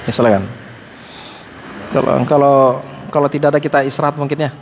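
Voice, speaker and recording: A male Islamic teacher giving a lively study-circle sermon in a mosque, joking with the listeners and calling them Pak and antum. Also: mid-range voice, fast, highs cut off. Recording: echoey hall with faint background noise.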